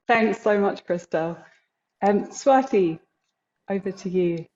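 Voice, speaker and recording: A woman's voice: medium pitch, slow pace, mellow. A woman moderating a virtual panel, passing the turn on with brief, courteous handovers. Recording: muffled video call with faint noise.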